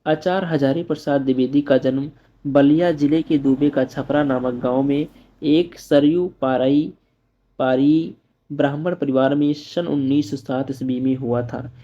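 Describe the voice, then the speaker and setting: A male teacher going through exam-paper answers, reading each answer slowly and explaining it simply. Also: mid-range voice, steady tone, warm tone, dull audio. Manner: reads answers aloud slowly, then explains in plain asides. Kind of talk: exam-prep lesson.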